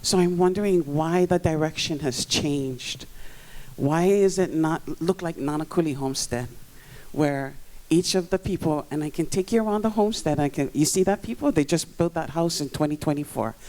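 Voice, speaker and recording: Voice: medium pitch, normal speed, a little mellow. A middle-aged speaker with a Hawaii accent, from the Waianae coast, gives public comment at a community meeting, earnest and emphatic, repeating key words for stress. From Waianae coast of Oahu, Hawaii. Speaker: community member giving public testimony. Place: community learning center meeting room.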